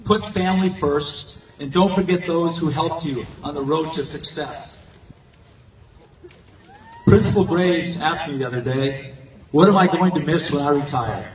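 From the stands of an outdoor football stadium, a distant handheld camera records an older man's prepared commencement address, with slight background noise. He is a high school coach and teacher with a somewhat high voice, and he speaks earnestly in short, measured phrases. His podium mic feeds the stadium PA, which echoes from far away.

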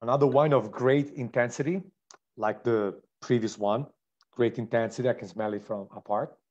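Italian guy running a wine tasting online, mid pitch, lots of um and restarts, kinda muffled stream audio. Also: steady tone, moderate pace, a little mellow. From Italy. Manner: enthusiastic, descriptive, frequent fillers and restarts.

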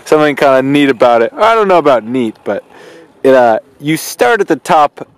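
A man's voice: fairly high pitch, moderate pace, clear, resonant tone. A young man chatting and laughing on a ski slope and chairlift, filmed with a handheld action camera. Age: young adult. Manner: laughs often, excited and chatty. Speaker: vlogger. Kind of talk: casual vlog chat. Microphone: action camera held at arm's length.

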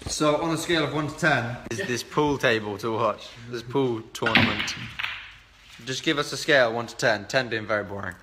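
A young man chatting casually and joking on a livestream while playing pool in a flat. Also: medium pitch, moderate pace. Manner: joking, laid-back. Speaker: band member on livestream. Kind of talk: casual chat. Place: flat with pool table, indoors. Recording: echoey room with background noise.

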